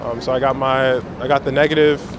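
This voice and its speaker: A man from Brooklyn, New York, interviewed as a photographer, speaks slangily and conversationally on the city streets. His medium-pitched voice stays level and brisk, recorded clearly over the noise of traffic.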